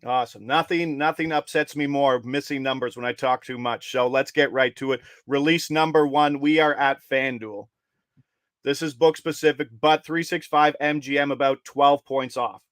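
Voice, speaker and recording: A man hosting a live sports betting show, reading picks in quick, energetic, upbeat patter. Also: medium pitch, no echo.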